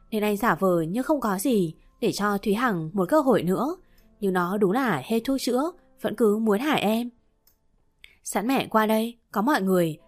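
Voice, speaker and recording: A woman voicing a firm, protective young husband who speaks bluntly, in a storybook reading with soft music behind. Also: medium pitch, natural voice.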